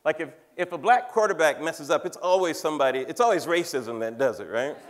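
A little hiss or hum runs under this recording of a man in his fifties, a comedian and cultural commentator, performing a wry stand-up style talk before a live audience on a large theater stage. His voice is a little high and fairly quick, and he pokes fun at the crowd while laughing at his own jokes.

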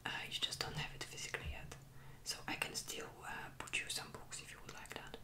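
Young woman's whispered role-play as librarian. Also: fairly quick. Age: young adult. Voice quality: soft unvoiced library whisper. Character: helpful, chatty young librarian serving a visitor. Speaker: ASMR creator playing a librarian. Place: small indoor room at home. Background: computer keyboard typing.

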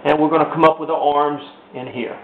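A man teaching woodcarving in a casual step-by-step demonstration, talking as he works, pausing and restarting his sentences. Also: a little high, fairly even intonation, slight background noise. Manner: talks while carving, pausing and restarting sentences. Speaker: woodcarving instructor. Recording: roomy, dull lo-fi home video recording.

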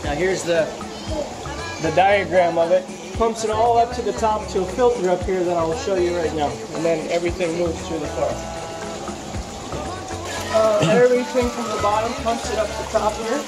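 A middle-aged man giving a casual outdoor tour of his fish farm, talking haltingly with many fillers and restarts. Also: high-pitched, low-quality recording. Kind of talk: casual walking tour explanation. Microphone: handheld camera nearby. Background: loud music added over the talk.

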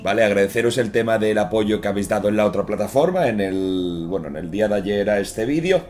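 A man in his thirties with a Castilian Spanish accent giving casual, jokey gameplay commentary in an informal, chatty way. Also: lowish voice. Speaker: gaming streamer. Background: game music.

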